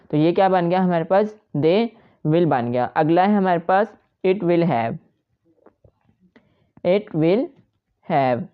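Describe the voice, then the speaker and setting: In this step-by-step tutorial, a shorthand teacher walks her class through the material, repeating points frequently and explaining each outline with patience. Her voice is low-leaning, smooth and resonant, though the lo-fi recording sounds slightly dull.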